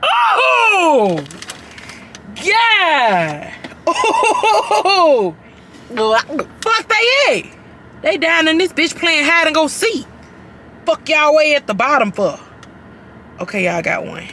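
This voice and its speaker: A woman's voice: high voice, expressive, unhurried, long pauses. A young woman giving a brash, exaggerated, profanity-heavy comedic reaction in a casual vlog, recorded inside a car. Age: young adult. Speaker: vlogger doing a taste-test reaction. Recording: background noise inside a car.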